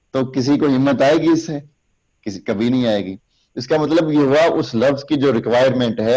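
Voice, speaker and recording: A male instructor gives a lecture on oratory at an even, middling pitch. He explains each hand gesture step by step and talks straight to his students. His recited example lines come out louder, slower and emphatic. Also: poor audio. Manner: recites sample lines in a raised, slow, emphatic voice. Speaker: public speaking instructor. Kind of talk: classroom lecture.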